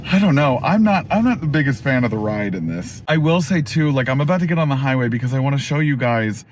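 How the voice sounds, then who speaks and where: A man's voice: medium pitch, expressive, fast talker. Chatty man reviewing a truck while driving. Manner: chatty, many fillers like "like" and "you know". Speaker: car reviewer host. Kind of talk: casual vlog car review. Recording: road and engine noise in a moving truck.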